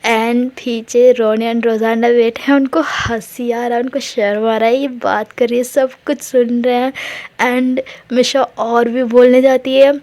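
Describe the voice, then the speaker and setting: A woman's voice: a little high, flat delivery, measured pace, darkish tone. A young woman telling a romance story in a casual, chatty way, with rambling asides and English words mixed in.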